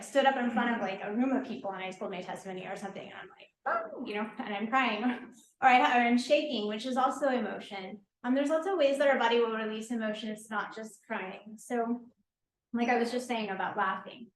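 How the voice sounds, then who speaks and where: Chatty, high-voiced woman leading a workshop. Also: fairly quick, slight background noise. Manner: chatty and earnest, with frequent fillers. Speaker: lymphatic therapist and holistic healer leading a workshop. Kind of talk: informal workshop lecture. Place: event space at a market and deli. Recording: echoey room with faint background ambience.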